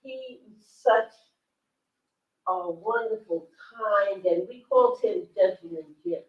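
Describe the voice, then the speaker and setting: A woman's voice: medium pitch, takes it slowly. An older woman, a former ballet dancer, speaking at a library event in a reflective way and laughing often. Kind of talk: casual talk at a library event. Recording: roomy, distant, dull sound.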